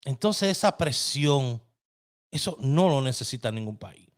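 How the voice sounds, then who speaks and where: This live opinion commentary comes from a middle-aged host from the Dominican Republic who talks fervently and casually, addressing listeners head-on. He has a medium-pitched, animated male voice and speaks a little slowly.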